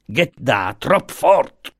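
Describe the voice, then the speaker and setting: A man voicing a brash male companion who speaks in a gruff, threatening way. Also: mid-range voice, sing-song, extremely slow, a bit bright, no echo, studio quality, pitched above the performer's own voice, heavily acted.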